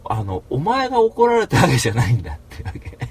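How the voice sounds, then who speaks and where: A man hosting a talk show, telling a rambling story in rough, casual speech and flaring into mock rants. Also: medium pitch, huge pitch swings, fast. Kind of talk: casual monologue.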